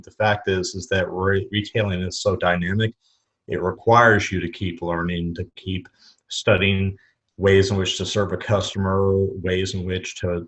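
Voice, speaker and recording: On a conversational podcast, a middle-aged man from Chicago's suburbs who works as a retail educator answers thoughtfully in a low-pitched, fairly bright voice. He frequently restarts phrases, repeating words as he goes.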